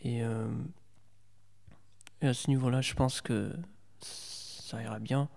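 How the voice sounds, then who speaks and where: Young male interviewee, hesitant and halting, flat warm voice, reverberant room. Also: medium pitch, creaky. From Portugal. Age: young adult. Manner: hesitant, many fillers and restarts. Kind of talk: casual interview.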